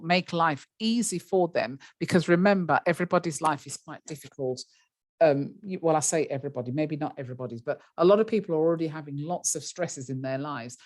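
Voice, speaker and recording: A woman with a low voice gives a beginner's webinar over a computer mic. She talks in a loose, chatty way, circling back with ums and you-knows. The sound is dry and close. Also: dry recording. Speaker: webinar presenter. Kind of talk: webinar lesson.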